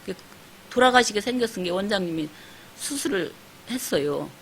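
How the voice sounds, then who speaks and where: A woman in her sixties, a pastor's wife, gives an emotional testimony at a church service in a mid-range, animated voice at normal speed. She tells her story earnestly with many fillers, acting out others' voices. The recording is low quality with a faint hiss.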